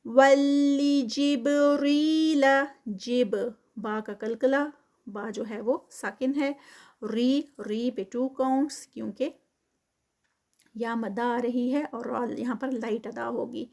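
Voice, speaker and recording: Woman tajweed teacher, kinda high voice, recites slow and stretched then explains fast. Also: fairly even intonation, creaky, warm tone. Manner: slow drawn-out recitation between quick explanations. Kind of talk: tajweed lesson.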